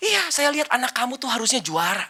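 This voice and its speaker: A woman's voice: high-pitched, very animated, fast talker, sharp tone, breathy edge, heavily acted. A woman voicing a friendly former boss who talks in a casual, chatty way.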